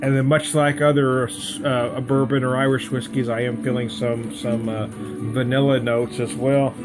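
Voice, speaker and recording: A man's voice: mid-range voice, little pitch movement, unhurried, music in the background, low-quality recording. A man giving a casual, rambling, jokey tasting review as a vlog host. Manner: jokey, rambling, chuckles at own asides.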